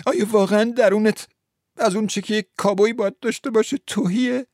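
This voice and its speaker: A man's voice: sits high, steady tone, a little mellow, dry recording, studio quality, voice pushed up. A man voicing a desperate young woman who pleads with her lover in exclamations, in a dramatized story. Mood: pleading.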